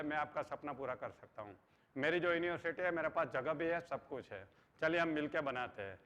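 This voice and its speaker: Middle-aged male motivational trainer, earnest lecture delivery, mixes in English phrases, slightly high voice, muffled hall recording with long reverb. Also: a bit bright.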